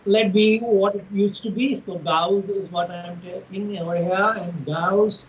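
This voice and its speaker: A man's voice: high voice, steady tone, unhurried, lo-fi sound, a little hiss or hum. A man with an Indian English accent teaching an online physics lesson in formal, roundabout phrasing.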